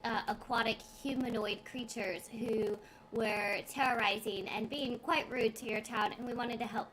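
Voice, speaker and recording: A woman voicing a polite, earnest adventurer who speaks carefully and haltingly. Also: fairly high pitch, steady tone, a bit bright, slight background noise, close to an everyday voice, rough recording.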